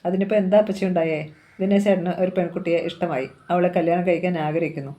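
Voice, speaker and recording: A kind young woman from a storybook who soothes and reasons calmly, voiced by a storyteller. her tone is gentle and mellow, never sharp. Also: mid-range voice, fast, dull audio, lightly acted. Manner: gentle, reassuring.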